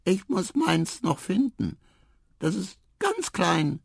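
A man voicing a small, wistful male trunk-dog creature in a children's radio story, with a hoarse little voice and slow, sighing speech. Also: high-pitched, very animated, dry recording, clean studio sound, pitched above the performer's own voice, heavily acted.

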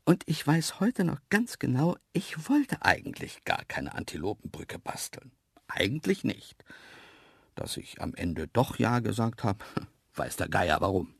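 A narrator reading a children's story aloud in a lively, wry, self-mocking way. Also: medium pitch, unhurried, creaky, slightly rough, no room sound, studio quality. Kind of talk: audiobook storytelling.

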